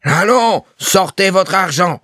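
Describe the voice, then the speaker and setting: A man voicing a gruff, coarse male landlord who roars his demands for rent. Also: medium pitch, expressive, takes it slowly, no room sound, clean studio sound, voice pushed up. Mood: bullying. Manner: roaring, demanding.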